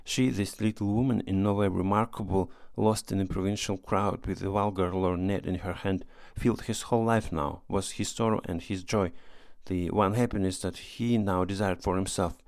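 A man narrating a classic story as an audiobook reader, in a steady, measured manner. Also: low voice, no echo.

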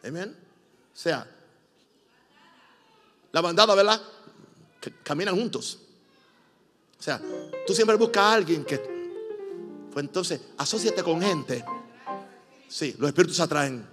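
Puerto rican preacher guy, sermon in a big echoey church, kinda high voice, gets loud and punchy, cracks little jokes. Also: lively intonation, a little slow, pauses often. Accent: Puerto Rican Spanish. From Puerto Rico. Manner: emphatic preaching with loud rising bursts and joking asides. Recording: long hall reverb, faint music.

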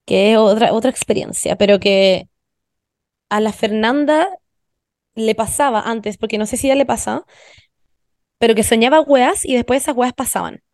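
A young adult woman with a Chilean accent hosting a podcast, telling stories in animated slangy casual chat with plenty of swearing. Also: a little high, moderate pace, pauses often, no room sound, studio quality. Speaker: podcast host.

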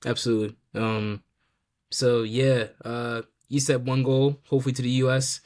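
Male podcast host, mid-pitched, loose slangy chat full of "um"s and restarts. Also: little pitch movement, moderate pace, darkish tone. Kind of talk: casual sports chat.

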